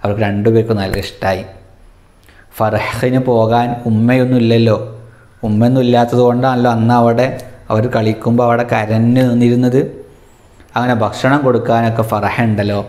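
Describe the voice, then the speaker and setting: A man's voice: mid-range voice, a little fast, echoey room. A man, telling a story as a lesson for young children and often asking them questions. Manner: animated, asks children questions, rising voice for emphasis. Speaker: Arabic teacher for young children.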